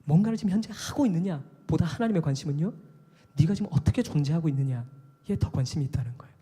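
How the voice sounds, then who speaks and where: During a live worship service in a hall, a worship leader preaches quickly in a high, mellow, husky voice. His style is animated and conversational, and now and then he acts out other voices, while long reverb from the hall trails after his words.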